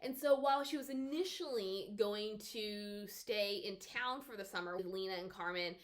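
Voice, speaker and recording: A woman from the American South giving a casual, chatty spoken book review with expressive pitch jumps. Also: normal speed.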